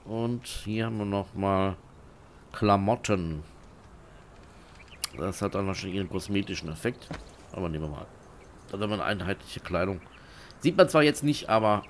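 A man's voice: fairly low pitch, slight background noise. A man giving casual let's play commentary, with dry, joking asides to his viewers.

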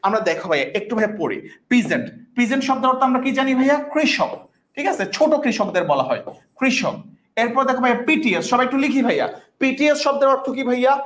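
A woman teaching a vocabulary class, repeating each word and often checking that students understand. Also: on the high side. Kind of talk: online class lesson.

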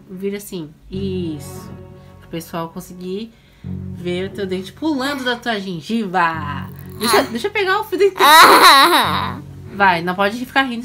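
A woman in her thirties, a mother filming her daughter at home from behind the camera, chatty and instructive as she coaxes the child and talks to viewers. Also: medium pitch. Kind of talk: casual family vlog talk to viewers. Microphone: camera mic, speaking from behind the camera. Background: background music.

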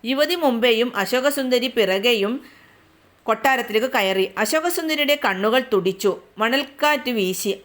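A woman narrates old myths in scripted, literary sentences. She keeps a measured pace. Her voice sits fairly high. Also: a bit bright. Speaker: storyteller. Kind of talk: scripted narration of mythic tales.

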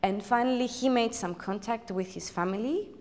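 A woman's voice: fairly high pitch, moderate pace, darkish tone. A woman telling a personal story in a documentary interview, reflective and hesitant, often restarting her sentences. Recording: long hall reverb.

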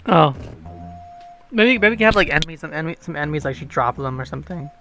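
A young man chatting while playing a game, excitable and stammering, reading the game's dialogue aloud. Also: on the high side, fast talker, faint music behind. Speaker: game playtester. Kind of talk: casual gameplay chat.

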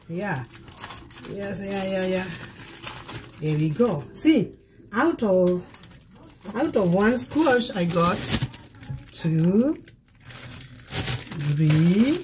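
Middle-aged lady pastor chatting while she cooks, medium pitch, kitchen noise and clicks behind her. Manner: encouraging, repeats phrases for emphasis. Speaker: pastor hosting a cooking show. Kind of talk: casual cooking demonstration with preaching. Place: home kitchen at the sink.

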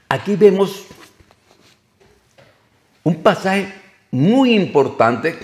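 A man preaching a sermon, emphatic, often repeating and correcting his phrases as he goes. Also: a little high.

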